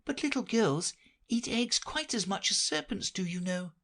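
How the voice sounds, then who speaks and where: A woman's voice: mid-range voice, lively intonation, moderate pace, a bit bright, voice pushed up. A woman voicing a polite, puzzled little girl who protests earnestly.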